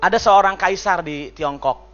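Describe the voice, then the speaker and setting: Male pastor, bright high voice, chatty joking sermon, faint music. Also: moderate pace, highs cut off. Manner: lively, chatty, jokes and asks the congregation.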